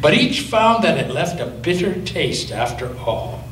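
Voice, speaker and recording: Seated a little away from the microphone in a church sanctuary, a man who is a pastor tells a children's picture-book story in a fairly high, sing-song voice that lifts and dips. His delivery is gentle and animated, with slow pauses for drama. The recording is echoey, distant, and carries faint noise.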